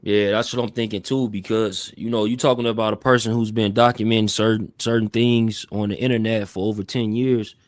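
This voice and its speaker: A man's voice: fairly low pitch, level tone, brisk, hardly any pauses, dry recording. Guy co-hosting a podcast, lots of "like, you know", eases into his questions. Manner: hesitant, piles up fillers before asking. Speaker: podcast co-host.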